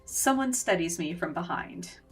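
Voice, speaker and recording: Reading a game's narration aloud at a measured pace, a woman streamer with a lowish, expressive voice stops for casual laughing asides and reactions. She's far from the mic, with soft background music playing.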